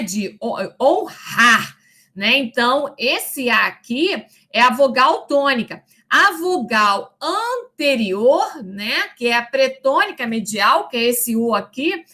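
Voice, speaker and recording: A woman teacher lectures in a high, clear, bright voice. She explains step by step, often pausing to check understanding, and slows right down to draw out the words she uses as examples. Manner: didactic, checks in with "né?" and "tá?"; stretches out example words slowly. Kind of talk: recorded lecture.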